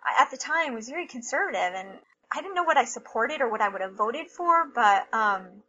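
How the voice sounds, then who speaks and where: A woman guest on an interview show, candidly telling a personal story in an emotional, halting way. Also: on the high side, animated, sharp tone. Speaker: podcast guest. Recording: slightly dull lo-fi recording with faint hiss.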